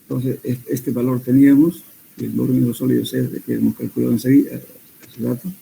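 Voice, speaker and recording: Hombre de voz grave y rasposa. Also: male voice, mid-range voice, a little fast, low-quality recording. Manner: steady explanatory teaching with hesitant fillers and self-corrections. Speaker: soil mechanics lecturer. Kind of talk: classroom lecture.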